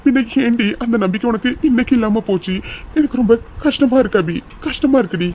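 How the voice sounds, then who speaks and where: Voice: medium pitch, quick pace, darkish tone, close to an everyday voice. A distraught young husband from a cartoon serial, played by a voice actor, begging his wife to trust him. His voice sits in a middling range, wet with tears and full of repeated pleas. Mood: pleading. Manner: pleading, tearful, repeats himself. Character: young husband, anguished and pleading.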